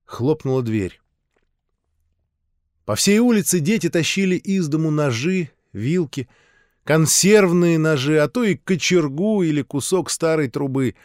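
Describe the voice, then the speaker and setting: A man narrating a short story in a measured, expressive audiobook reading. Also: a little high, no echo, clean studio sound.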